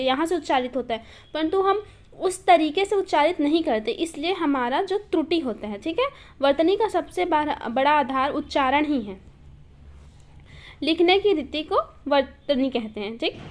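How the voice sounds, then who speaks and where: A woman with a high, light voice teaches an online grammar class. She explains each point patiently and keeps checking in with a quick "okay" as she goes.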